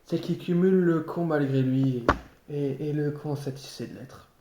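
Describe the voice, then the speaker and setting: A man improvising a theatrical tirade in a sardonic, mock-polite way, halting and repeating his words. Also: a little high. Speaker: amateur actor improvising a monologue. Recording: roomy echo, clearly noisy background, clicks.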